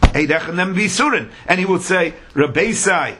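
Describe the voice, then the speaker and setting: A man's voice: high-pitched, animated, fairly quick, background noise. A man teaching a religious lesson in a sing-song, argumentative way, with rhetorical questions and emphatic repetition. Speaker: Talmud teacher.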